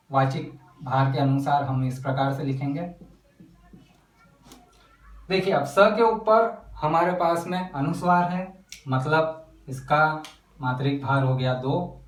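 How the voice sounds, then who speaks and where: A man teaching a lesson on counting syllables in verse, speaking slowly and breaking words into syllables as he writes them out. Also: fairly high pitch, reverberant, distant mic, poor audio. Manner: slow, spells out syllables while writing. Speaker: Hindi poetry teacher. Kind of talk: whiteboard lesson.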